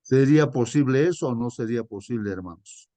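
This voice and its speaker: A man's voice: mid-range voice, expressive, dark tone, dry recording. Man teaching a Bible lesson, dry close sound. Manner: repeats "hermanos" and "¿no?" constantly, reads verses slowly and deliberately. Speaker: Sabbath school lesson leader. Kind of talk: conversational Bible lesson to a congregation.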